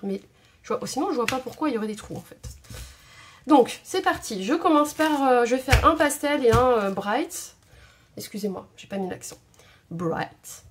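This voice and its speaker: A woman with a slightly high voice talks through a craft test at her table, thinking aloud as she goes. Her casual chat is full of small pauses and hesitations, with a faint hiss in the background. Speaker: craft video host. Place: home craft table indoors.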